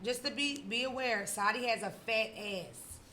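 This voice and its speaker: A woman's voice: on the high side, normal speed, pushed and bright, echoey room, slight background noise. Brash, profane woman podcast host. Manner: brash, profane storytelling, laughs often. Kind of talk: casual chat.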